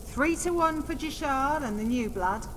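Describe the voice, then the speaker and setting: A woman's voice: high voice, expressive, moderate pace. A woman playing a shrewd, plainspoken bookmaker at a fight pit in a fantasy video game. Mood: businesslike, announcing. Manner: folksy, plainspoken. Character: brisk shrewd female fight-pit bookmaker, daughter of a gambler. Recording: hall reverb, faint noise.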